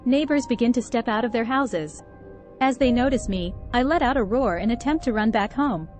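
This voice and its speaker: A woman's voice: a little high, moderate pace, a little mellow. A woman narrating a first-person horror story with a tense, dramatic delivery. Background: faint background music.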